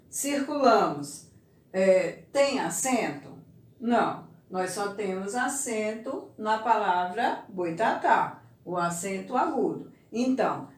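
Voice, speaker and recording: A woman teacher giving a recorded lesson to young children, stretching out words slowly to show the stressed syllable. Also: medium pitch. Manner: slow, drawn-out word stressing for children. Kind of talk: recorded remote class lesson. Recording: echoey room, voice from far off.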